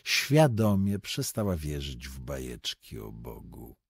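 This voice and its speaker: A man voicing a composed male editor who answers calmly, politely and matter-of-factly in an audiobook. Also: rumbling low, slow, gravelly, slightly rough, no echo, studio quality, pitched below the performer's own voice, full character voice. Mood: calm, assured. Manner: calm, polite, matter-of-fact. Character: composed male literary editor, diplomatic, self-assured.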